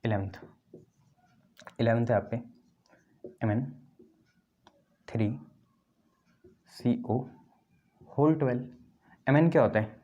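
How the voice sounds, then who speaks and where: Dark-voiced Hindi chemistry teacher quizzing. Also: male voice, mid-range voice, lo-fi sound. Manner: quizzes students, answers his own questions; repeats key terms, playfully scolds.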